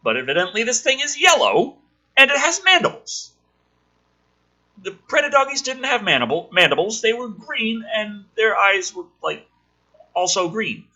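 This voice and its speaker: A high-pitched man with a sing-song delivery and a sharp tone talks at normal speed over lo-fi sound. He's slightly sick, and it shows in his throat. As host, he reads out a film script and makes fun of it, adding exasperated, sarcastic, sweary asides in a ranting, jokey commentary.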